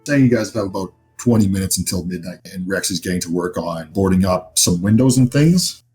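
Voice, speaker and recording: A low, slightly mellow male voice narrates at a fairly quick pace, describing scenes off the cuff as game master of a tabletop horror roleplaying game. The tone stays conversational, and music runs behind him.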